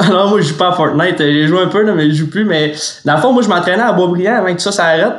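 A young man with a Quebec French accent, a hockey player guest answering casually in a relaxed, modest way. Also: sits high, fast, echoey room. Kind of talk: casual interview.

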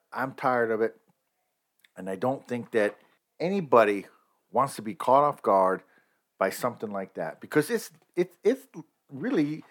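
A man hosting a podcast, ranting emphatically about hit-and-run drivers. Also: medium pitch. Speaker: podcast host. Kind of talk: opinionated podcast commentary.

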